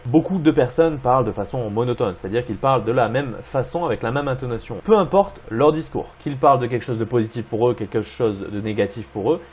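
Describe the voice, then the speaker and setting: A man's voice: medium pitch, a little mellow, husky. A man coaching job seekers, explaining tips with frequent fillers. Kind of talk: instructional video talk.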